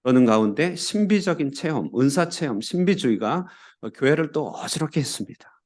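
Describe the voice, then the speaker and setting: A man's voice: fairly high pitch, animated, a little fast, a little mellow. A Korean man, a pastor, delivering a sermon in church with earnest, rising emphasis on key words. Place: church sanctuary.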